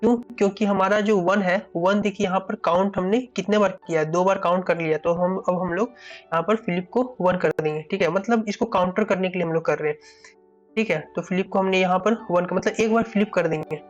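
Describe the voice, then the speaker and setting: A man's voice: high-pitched, fairly even intonation, a little fast, highs cut off, soft background music. A man teaching a coding problem step by step, thinking aloud, often repeating "ठीक है" and restarting phrases. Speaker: coding tutor.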